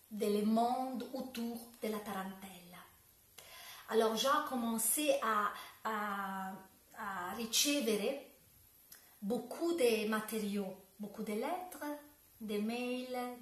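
A woman in her forties with an Italian accent, speaking French as a second language in a slow, searching way that often restarts. Her voice sits a little high, and she talks unhurriedly. It is recorded from a camera a few metres off in an echoey room at home. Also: distant mic. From Italy. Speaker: dance teacher. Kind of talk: direct-to-camera video talk. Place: home room with bookshelves, indoors. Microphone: camera a few metres away.

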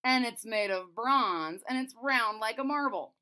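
A woman voicing a skeptical male royal goldsmith in a storybook, speaking slowly and matter-of-factly. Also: a little high, sharp tone, clear, resonant tone. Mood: doubtful.

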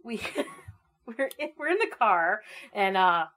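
A woman's voice: medium pitch, sing-song, takes it slowly, fairly bright tone. A middle-aged woman co-hosting a podcast in casual chat, telling a funny family story and laughing through her words. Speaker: podcast co-host.

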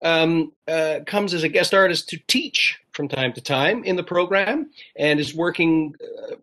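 Bright-voiced middle-aged man on a video call. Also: fairly high pitch, a little slow. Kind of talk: introducing a guest on a video call. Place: office with bookshelves. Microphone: webcam on a video call.

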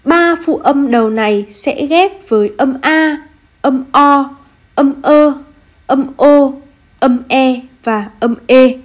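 A woman teacher giving an online reading lesson to first graders, speaking gently and spelling out each sound slowly and clearly. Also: high-pitched. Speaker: primary school teacher.

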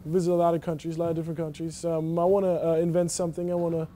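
A young college athlete from Germany answers questions in a relaxed, halting way, full of ums and restarts. His voice is mellow and a little high for a man. He sits in an empty indoor arena. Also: a little hiss or hum. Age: young adult. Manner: hesitant, many fillers and restarts. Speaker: college basketball player. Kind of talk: casual interview answers.

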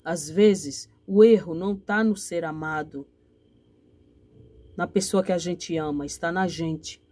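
A Brazilian woman reads tarot cards straight to her viewers. Her talk is warm-hearted and repetitive, full of pet names and little checks for agreement. She gives motherly advice and ends with blessings. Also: on the low side, measured pace. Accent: Brazilian Portuguese. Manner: affectionate, repetitive, ends phrases with "tá?". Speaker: tarot card reader. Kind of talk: direct-to-camera tarot reading.

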